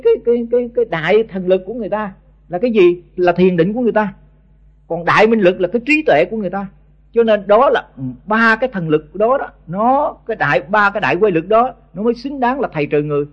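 An old tape with dull audio captures a high-pitched older man, a Buddhist monk teacher with a Southern Vietnamese accent. His sermon to the monks is blunt and scolding, and he keeps tripping over repeated words.

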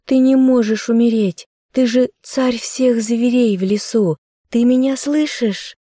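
A woman's voice: mid-range voice, fairly even intonation, a little slow, mellow, slightly rough, no echo, studio quality, pitched above the performer's own voice. A woman reading an audiobook, voicing a tender, devoted young village girl who speaks with emotional, pleading intensity. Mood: anguished shouting.

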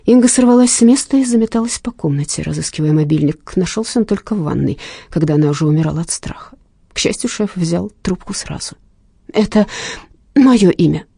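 A woman narrating an audiobook in a measured, tense storytelling manner. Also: on the low side, vocal fry, dark tone, slightly rough, no echo, clean studio sound.

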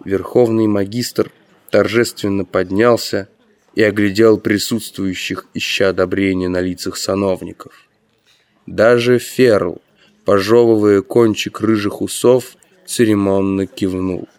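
A man narrating an audiobook in a measured, calm reading. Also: fairly low pitch.

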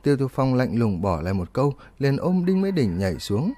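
A man narrating a story in an expressive, animated reading style. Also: mid-range voice, fairly quick. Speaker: audiobook narrator.

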